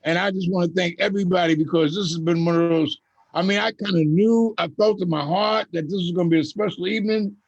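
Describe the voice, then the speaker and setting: Older male host, high gravelly voice, emphatic storyteller, dull dry recording. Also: fast, dry recording. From USA. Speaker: open mic host. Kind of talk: casual group talk.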